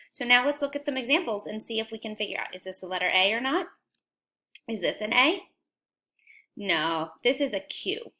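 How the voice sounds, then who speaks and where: A woman teaching young children a phonics lesson, talking slowly and clearly in an encouraging sing-song way. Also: a little high, pushed and bright.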